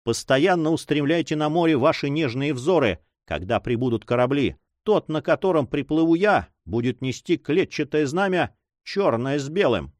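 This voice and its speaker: A man's voice: a little high, expressive, normal speed, hardly any pauses, no room sound, close to an everyday voice. A man voicing a secretive young man in love in his own voice, earnest, reassuring and insistent.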